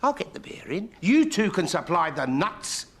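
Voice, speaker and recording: A man's voice: high-pitched, very animated, normal speed. An actor playing a jittery man who is scared of a spooky place, in an audio drama.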